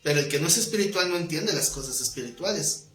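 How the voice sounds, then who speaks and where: A man teaching a Bible study class, keeping it conversational and quizzing his students with quick questions. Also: a little high, lively intonation, fairly bright tone. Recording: roomy echoing classroom.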